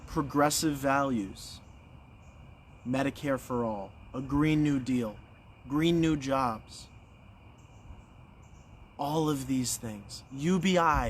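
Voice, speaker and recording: A young American man giving a folksy campaign stump speech as a candidate, earnest and emphatic, in short phrases with deliberate pauses. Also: mid-range voice, a little hiss or hum. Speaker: political candidate.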